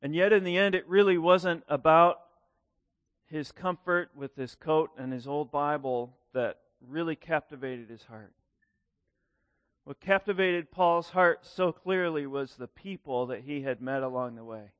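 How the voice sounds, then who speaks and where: A man's voice: on the high side, a little slow, a bit bright, no room sound. A male pastor preaching a conversational sermon in a folksy way, often repeating words and acting out quoted lines.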